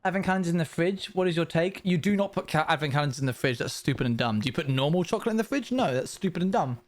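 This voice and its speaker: A man's voice: on the high side, animated, very fast. A young man streaming live, telling rambling stories to his viewers with self-aware asides. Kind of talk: casual chat with viewers.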